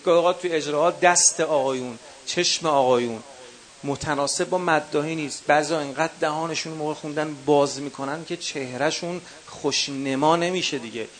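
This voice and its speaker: A man's voice: on the high side, steady tone. A man with a Qom accent teaching a workshop for eulogy singers. He counts off numbered points and calls his listeners dear ones. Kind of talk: workshop lecture. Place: workshop session with a live audience.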